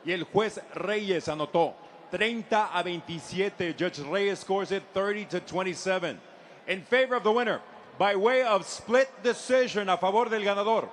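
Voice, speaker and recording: High-pitched male bilingual ring announcer. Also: a little hiss or hum. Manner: ceremonial, drawn-out showman delivery of fighter names. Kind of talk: bilingual formal fight introductions and scorecard announcements.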